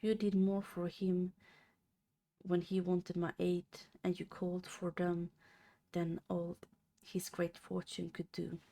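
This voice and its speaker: A young woman streamer reading a classic novel aloud on a live stream. She reads haltingly, stumbling over and restarting words. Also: lowish voice, warm tone.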